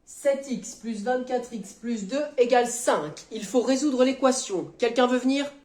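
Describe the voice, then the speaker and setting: A woman's voice: fairly high pitch, measured pace, a little mellow, natural voice. A woman playing a smug male teacher who needles a pupil in a mock-fatherly way. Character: smug middle-aged male teacher, teasing.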